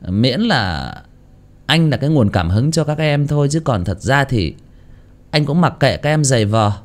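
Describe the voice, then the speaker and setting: A man narrating a horror story in an expressive, dramatic storytelling style, then chatting jokily to listeners. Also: medium pitch, moderate pace. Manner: expressive, lively delivery; jokey, chatty afterword. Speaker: audiobook narrator.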